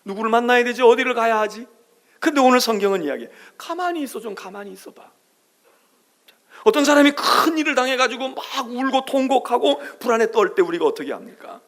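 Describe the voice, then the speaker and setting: A middle-aged male pastor preaching a sermon, swinging between loud calls and hushed whispers and acting out soothing quoted voices. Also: very high-pitched, lively intonation, fast. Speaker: senior pastor.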